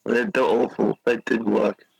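A man's voice: fairly low pitch, level tone, unhurried, creaky, husky, dry recording, poor audio. A man playing a tabletop game, chatting casually and asking questions. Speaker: player.

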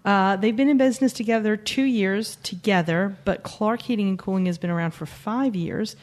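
A woman speaks at a middling pitch as a podcast co-host. Her delivery is casual and chatty, peppered with wry asides as she makes introductions. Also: moderate pace, darkish tone. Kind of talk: casual chat, introducing guests.

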